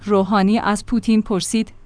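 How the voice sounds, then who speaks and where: A woman's voice: medium pitch, little pitch movement, darkish tone, no echo. Woman reading a news report, dry sound. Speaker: news reader.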